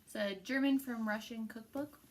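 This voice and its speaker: A woman's voice: a little high, steady tone, moderate pace, a little hiss or hum. A young woman with an Upper Midwest American accent, chatting casually in a home kitchen and teasing her mother with dry remarks. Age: young adult. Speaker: daughter helping on a cooking show.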